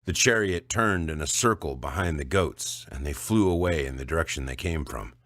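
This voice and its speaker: A man narrating an audiobook in a dry, measured storytelling voice. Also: extremely low pitch, a bit bright, no room sound.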